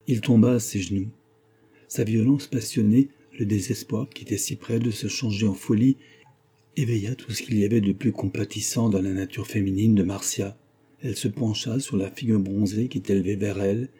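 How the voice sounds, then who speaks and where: A man narrating a classic novel in a measured, dramatic audiobook reading. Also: on the low side, mellow, breathy edge. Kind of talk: scripted narration.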